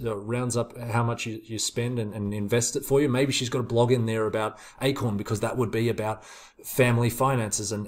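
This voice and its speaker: A man presenting casually to viewers in vlogger style, with an informal, halting delivery that drifts into asides. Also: mid-range voice. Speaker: online business video host.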